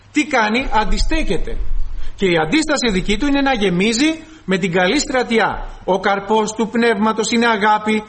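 A man's voice: high voice, fairly bright tone. A man preaching a sermon to his congregation, calling them brothers and acting out short dialogues with the flesh.

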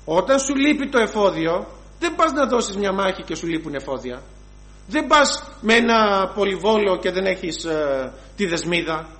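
A man preaching a sermon, telling stories and acting out scenes. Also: sits high. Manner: storytelling, animated, acts out scenes.

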